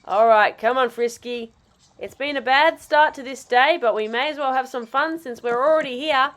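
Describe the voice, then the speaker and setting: A woman's voice: sits high, moderate pace, fairly bright tone, voice pushed down. A woman voicing a cheerful, encouraging adult male cartoon dog, a dad and uncle, in children's toy role-play. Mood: reassuring. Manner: hearty, reassuring, encouraging.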